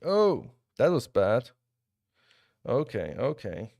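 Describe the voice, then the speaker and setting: A young man from Switzerland livestreams a game, casually chatting and reacting for his audience, his sentences frequently restarted. He speaks slowly at a medium pitch. The recording is dry and studio quality.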